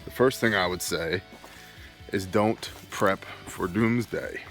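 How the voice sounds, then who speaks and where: A middle-aged man talking casually to viewers as a folksy gun enthusiast and preparedness host, making emphatic points in short deliberate phrases. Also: low-pitched, fairly bright tone. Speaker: homesteading and preparedness video host. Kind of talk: casual off-the-cuff vlog talk to viewers. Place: outdoors, walking on own rural land.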